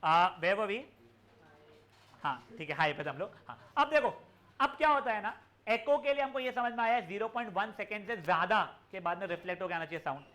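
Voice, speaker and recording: This young man's voice is high, animated and sharp-toned, and he talks fairly quickly. He's running a live online physics lecture, chatting in mixed Hindi and English and treating his students warmly.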